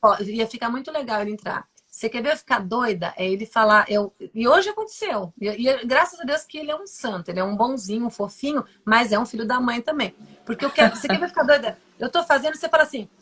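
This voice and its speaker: A little high and fairly bright with a slightly rough edge, her voice moves at a quick pace with few pauses and an animated delivery. As a guest neuroscientist on a live stream, this Brazilian woman gives a candid, emphatic personal testimony in a Brazilian Portuguese accent, heavy on fillers and repetition.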